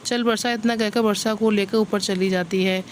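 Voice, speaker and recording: A woman's voice: medium pitch, fairly even intonation, moderate pace, a little hiss or hum. A woman reading a romantic family story aloud as a storyteller, voicing every character in turn. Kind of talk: scripted narration.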